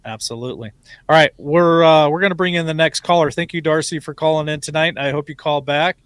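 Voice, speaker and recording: A man hosting a live call-in show, greeting callers and moving them along briskly. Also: fairly high pitch, fairly bright tone, clean tone, dry recording. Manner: brisk, takes calls. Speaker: host.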